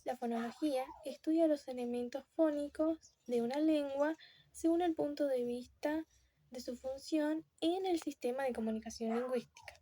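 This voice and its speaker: A woman's voice: high voice, moderate pace, dark tone. A young woman presenting a class lesson, explaining and acting out speech sounds with her lips, often correcting herself. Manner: self-correcting, with fillers. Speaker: student presenter.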